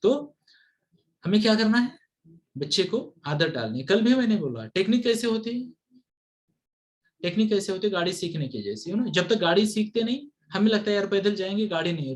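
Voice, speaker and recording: A man's voice: sits high, sing-song, normal speed. A man coaching parents on study habits over a video call, who mixes English into his Hindi and keeps asking his listeners to answer yes or no. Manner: mixes English into Hindi, asks the audience constant yes-or-no checks.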